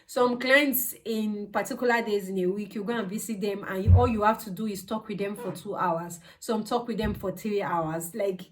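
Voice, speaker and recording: Casting: Nigerian-accented woman, casual explainer vlogger, emphatic and conversational, average pitch, recorded at some distance from the mic. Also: normal speed, hardly any pauses. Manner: conversational, emphatic, repeats words, acts out quoted exchanges. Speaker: vlogger, healthcare assistant. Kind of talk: casual explanatory vlog chat.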